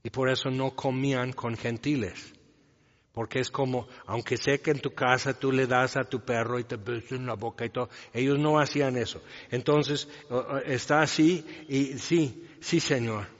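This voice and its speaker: A man's voice: medium pitch, level tone, moderate pace. A man preaching a sermon as pastor, explaining a scripture passage in a conversational way with asides and rhetorical questions. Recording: long reverb, dull lo-fi sound.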